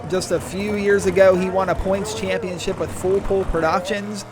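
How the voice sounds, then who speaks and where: This tractor pull announcer is a man whose high voice barely moves in pitch as he talks at a moderate pace. He presents drivers and reports runs and distances while heavy engine and vehicle noise fills the recording.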